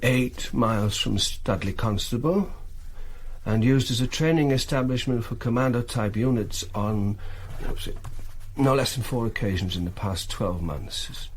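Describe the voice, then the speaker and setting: A male actor with a lowish, husky voice plays a shrewd, eager German intelligence colonel in a wartime radio drama. His delivery is measured and authoritative.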